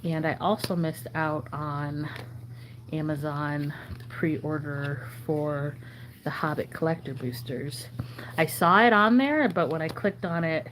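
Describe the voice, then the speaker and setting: A woman hosting a trading card channel chats casually and haltingly while sorting cards. Her deep voice sounds sore and swollen, and she often clears her throat. It's captured on a phone camera with noticeable background noise.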